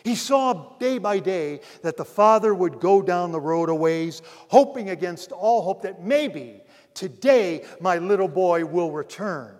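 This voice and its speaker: Male pastor, high voice, long hall reverb, dramatic loud-soft swings, sermon delivery. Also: lively intonation, measured pace, hardly any pauses. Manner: dramatic swings between loud emphasis and near-hushed asides; addresses listeners as dear friends.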